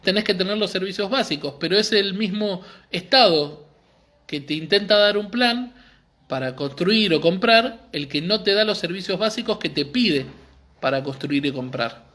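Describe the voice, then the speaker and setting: On a live stream for a community library, an Argentine-accented man explains things earnestly and keeps checking in with listeners. His voice sits high, animated and fairly bright, at a normal speed.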